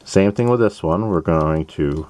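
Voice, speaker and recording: A man's voice: low-pitched, unhurried, a little mellow. A man hosting a toy-building show, explaining each step of a build in a chatty, plain way with playful asides. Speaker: host of a toy-building channel. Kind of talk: casual step-by-step build tutorial.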